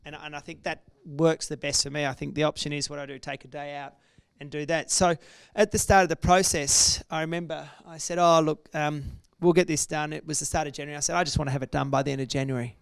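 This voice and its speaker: A man's voice: a little high, fairly even intonation, fast talker, vocal fry, hardly any pauses, clean tone, no echo. A man, a business owner telling candid stories to an audience with many restarts. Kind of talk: casual talk to an audience.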